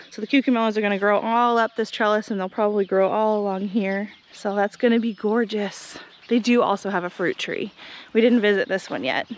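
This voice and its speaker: A young woman with a slightly high voice gives a relaxed, upbeat tour of her garden and greenhouse. She chats and explains as she moves around outdoors, and the sound comes from a handheld camera mic. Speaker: homestead vlogger giving a garden tour. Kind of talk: casual walking tour narration.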